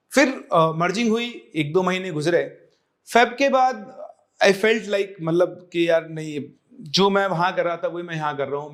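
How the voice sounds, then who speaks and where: A young man and coaching teacher explaining a career decision to viewers, earnest and reassuring, slipping English phrases in. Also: high voice. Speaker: online exam coaching teacher.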